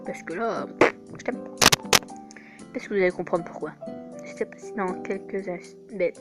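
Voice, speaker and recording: A woman playing through a story game, reading it aloud and reacting in an excitable way, laughing often and protesting loudly. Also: on the low side, normal speed, over loud music. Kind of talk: let's play, reading choices and reacting.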